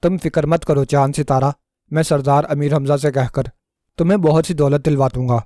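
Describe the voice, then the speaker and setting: A man reads a storybook, performing a sly male trickster who begs with theatrical self-pity and pretends to be dying. His voice is natural, fairly high and mellow, captured with studio quality and no room sound.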